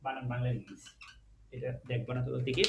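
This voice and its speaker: A man's voice: medium pitch, completely flat delivery, quick pace, gravelly, reverberant, highs cut off, slight background noise. A man teaching a chemistry lesson at a board, explaining step by step and asking and answering his own questions, with English terms mixed into his talk. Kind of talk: online lecture at a board.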